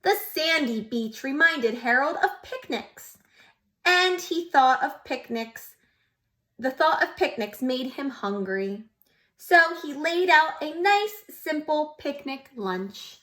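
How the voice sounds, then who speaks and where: Her voice sitting high, a preschool teacher brings a picture book to life for young listeners and breaks off now and then to ask them things.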